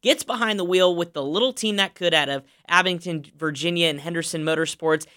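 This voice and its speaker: Casting: upbeat male podcast co-host, bright and crisp, emphatic racing recap. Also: fairly high pitch, fairly quick. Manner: upbeat, emphatic, many fillers.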